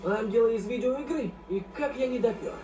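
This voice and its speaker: A man's voice: very high voice, normal speed. A man acting in a video game as a cocky, mocking young rebel with a teasing, sardonic delivery. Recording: echoey, distant sound with game music behind.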